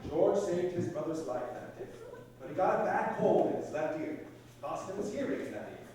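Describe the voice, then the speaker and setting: A man's voice: high-pitched, lively intonation, normal speed, warm tone. Distant, echoing male heavenly guide played by an actor. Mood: solemn storytelling. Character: senior male heavenly guide patiently narrating a life story. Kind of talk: stage play narration. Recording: echoey hall, distant mic, faint noise.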